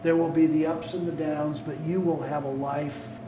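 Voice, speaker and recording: A male pastor preaching a sermon, animated and swinging between loud calls and hushed asides, recorded in a church sanctuary. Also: fairly high pitch, normal speed, noisy background. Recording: echoey room, mic at a distance.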